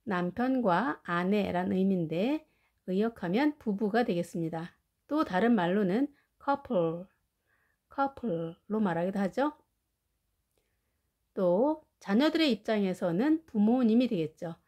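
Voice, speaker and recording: A woman with Korean as her first language, teaching English family words and slowly drilling their pronunciation. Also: medium pitch, lively intonation, mellow. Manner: slow, careful pronunciation drills. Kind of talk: vocabulary lesson.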